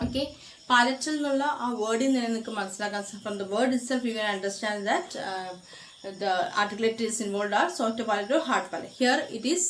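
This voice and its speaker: Slow, echoey Malayali woman lecturing. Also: medium pitch, a bit bright, a little hiss or hum. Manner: switches between English and Malayalam mid-sentence, repeats key terms slowly; frequent "uh" and "okay" fillers, self-corrections. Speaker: phonetics lecturer. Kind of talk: recorded lecture.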